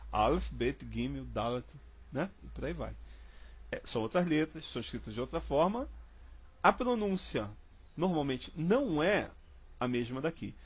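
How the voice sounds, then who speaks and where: A man's voice: medium pitch, animated, moderate pace, breathy edge. A man from Brazil leading an informal Bible study, chatty and repetitive, spelling words out letter by letter. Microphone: online call.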